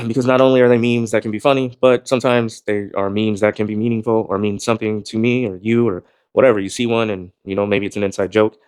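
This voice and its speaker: A man vlogging casually to camera about gym shirts, talking in a rambling, laid-back way, swearing now and then, with a voice he calls monotone. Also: lowish voice, fast, clear, resonant tone, no room sound, clean studio sound. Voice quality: calls his own voice monotone.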